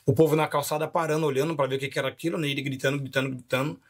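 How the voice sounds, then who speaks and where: A man who is a pastor, telling a personal testimony on a podcast with animated delivery and frequent laughs. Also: on the high side, rapid-fire, breathy edge. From Rio de Janeiro. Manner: animated storyteller, laughs often.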